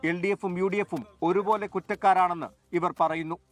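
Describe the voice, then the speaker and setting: High-voiced male news reporter. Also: fairly even intonation, fairly quick, soft background music. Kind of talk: scripted news voice-over.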